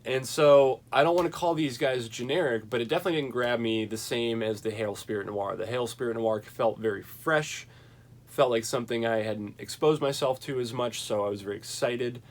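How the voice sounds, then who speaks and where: A young man talks loosely through the records he has bought lately, enthusiastic and rambling. He reaches for fillers and restarts as he thinks aloud, with a voice of middling pitch. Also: brisk. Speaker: vinyl collection reviewer. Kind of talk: casual record collection chat.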